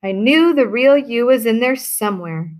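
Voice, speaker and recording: A woman reading aloud and voicing a kind, plump old woman who gently helps a sick girl. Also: on the high side, expressive, normal speed, lightly acted. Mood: gentle. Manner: gentle, sweet-natured.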